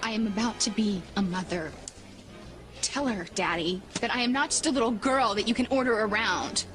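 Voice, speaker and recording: An actress playing a sarcastic, argumentative young adult daughter, aggrieved and defiant, in a television soap opera. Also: female voice, mid-range voice, moderate pace, a bit bright, faint music behind, natural voice.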